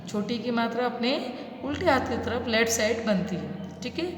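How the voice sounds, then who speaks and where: A woman teacher giving a slow, patient children's reading lesson, repeating and stretching each sound. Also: on the high side, expressive. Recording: echoey room with long reverb.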